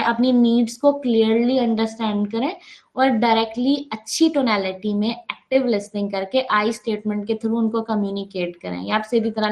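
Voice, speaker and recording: A woman with a Pakistani Urdu accent teaching an online workshop, explaining step by step, mixing English terms into her Hindi-Urdu and often checking in with her listeners. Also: on the high side. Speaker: psychology workshop trainer.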